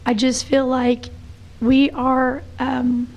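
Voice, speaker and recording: Woman at the podium, voice going, gravelly and monotone, lots of ums. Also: high-pitched, slow pace. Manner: hesitant, many fillers and restarts. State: losing her voice. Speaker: public commenter. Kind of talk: public comment at a city meeting.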